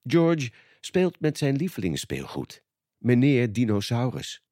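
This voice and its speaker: A man reading a children's storybook aloud in a calm, expressive read-aloud manner. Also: medium pitch, slow, dry recording, clean studio sound. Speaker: storybook reader.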